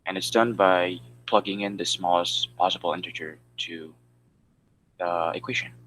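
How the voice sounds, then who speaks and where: A man's voice: low-pitched, fairly even intonation, moderate pace, a bit bright, slight background noise, rough recording. A man giving a class presentation over a video call, explaining step by step with frequent fillers. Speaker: student presenter.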